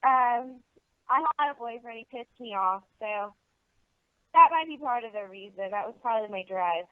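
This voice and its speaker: Speaking at a normal speed with a fairly high, animated voice, this young American woman has a clear, resonant tone. She's an adult film performer from the Baltimore area of the eastern US, giving frank, relaxed answers as a guest in a casual interview. The audio is dry and thin, carried over a narrowband phone line.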